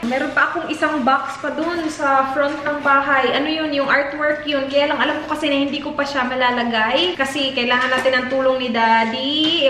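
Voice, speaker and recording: A woman vlogs from her home kitchen, chatting to her viewers in a bright, slightly high voice. She breaks into lively exclamations as she shows off her things. The room echoes noticeably and a faint hum sits behind her. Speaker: vlogger, mother of two. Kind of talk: casual home vlog, mixing Tagalog and English.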